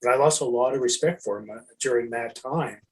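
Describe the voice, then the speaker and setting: A man's voice: medium pitch, breathy edge, poor audio. A man co-hosting a sports podcast, talking casually with frequent restarts and swearing. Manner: animated, swearing, halting restarts. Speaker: podcast co-host.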